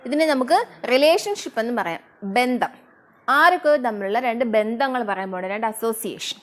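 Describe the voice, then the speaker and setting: A woman teaching a biology lesson, asking questions and answering them herself, and slowing down to spell out English terms. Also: a little high, expressive, fairly bright tone. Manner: asks and answers her own questions, slows down for English terms. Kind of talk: online class lesson.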